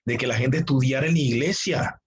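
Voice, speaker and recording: A pastor teaching a church theology class, emphatic and full of rhetorical questions. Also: male voice, medium pitch, a little fast, crowd noise, rough recording. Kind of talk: teaching sermon.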